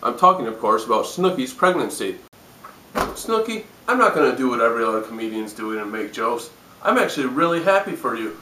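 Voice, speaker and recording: Echoey off-mic guy playing hungover news anchor, deadpan and sardonic, parody newscast, medium pitch. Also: brisk, a little hiss or hum. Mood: mock-sincere, sardonic. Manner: deadpan, jaded. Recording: roomy echo, distant microphone.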